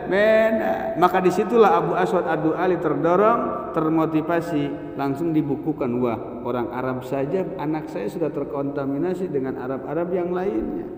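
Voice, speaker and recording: A man teaching an Islamic grammar lesson, animated, chanting Arabic verses and slipping into slang. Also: fairly high pitch. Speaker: religious teacher. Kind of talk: kitab study lesson. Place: mosque hall. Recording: echoey hall reverb.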